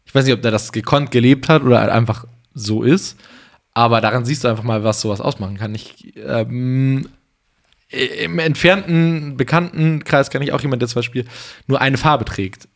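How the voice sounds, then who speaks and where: A man's voice: medium pitch, moderate pace, gravelly. Casual man chatting on a podcast. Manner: loose, thinks aloud with fillers and English buzzwords. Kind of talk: casual conversation.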